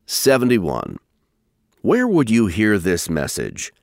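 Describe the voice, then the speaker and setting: A man reading scripted listening test instructions and questions in a formal, deliberate way. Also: fairly low pitch, wildly swooping pitch, vocal fry, no room sound, studio quality.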